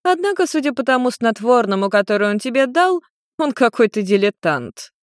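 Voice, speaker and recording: A woman's voice: fairly high pitch, sing-song, normal speed, dry recording, clean studio sound, pitched above the performer's own voice. A woman voicing a prim, slightly drunk witch in a storybook reading, dismissive in manner.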